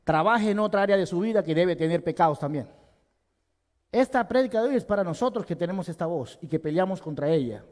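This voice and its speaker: A male pastor preaching a sermon with passion, swinging from loud emphasis to hushed tones. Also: high voice, lively intonation, fast talker. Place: church sanctuary. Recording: long hall reverb.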